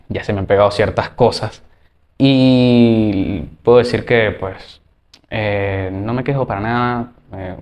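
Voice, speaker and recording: A man with a Venezuelan accent recounting his move within the country, speaking hesitantly with many fillers. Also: on the low side. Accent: Venezuelan Spanish. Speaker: interviewee. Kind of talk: casual testimony.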